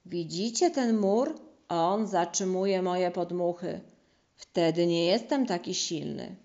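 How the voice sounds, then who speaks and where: A woman's voice: on the low side, expressive, slow, a little mellow, muffled recording. A woman voicing a weary male wind in a storybook, sighing and drawn out.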